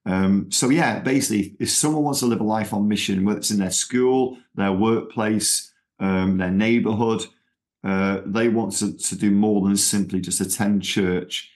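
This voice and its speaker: A man's fairly low, slightly mellow voice moves at normal speed as he rambles, full of fillers and restarts, through a conversational interview. He is a middle-aged ministry founder from England with a Manchester accent, appearing as the guest.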